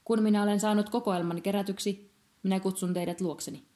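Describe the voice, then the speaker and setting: A woman's voice: mid-range voice, fairly even intonation, warm tone, natural voice. A woman voicing a gloomy, eccentric male collector in a cloak, who talks tersely and turns things down fussily. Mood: terse, eager. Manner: terse, sighing, fussy refusals.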